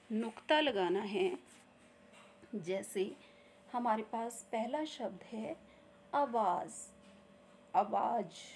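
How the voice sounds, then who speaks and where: A woman teaching a Hindi grammar lesson, slowly repeating each example word and often checking in with her class. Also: fairly high pitch, darkish tone, slight background noise. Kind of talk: slow explanatory classroom lesson.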